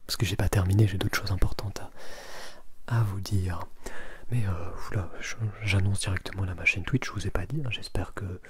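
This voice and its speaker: A man doing a casual whispered ASMR chat, breathy and very close to the ear, often pausing and repeating his words. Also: deep voice, fairly even intonation, background noise. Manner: hesitant, repeats words and phrases. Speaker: ASMR video creator and streamer.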